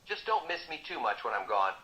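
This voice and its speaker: A man's voice: mid-range voice, sing-song, a little fast, bright, forceful tone, a little hiss or hum, low-quality recording. A man voicing a boastful, wisecracking male mercenary who teases his partner in comic banter. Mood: mock-hurt. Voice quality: cocky, teasing, sarcastic.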